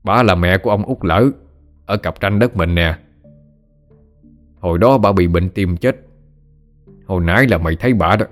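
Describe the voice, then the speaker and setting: A man's voice: sits low, moderate pace, long pauses, soft background music, natural voice. A man voicing a stern older uncle who gives a firm warning.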